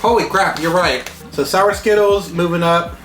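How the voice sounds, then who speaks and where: A woman's voice: lowish voice, normal speed. A woman hosting a casual group candy tasting, chatting while she eats sour candy. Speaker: host of a candy taste test. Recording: roomy echo, music behind.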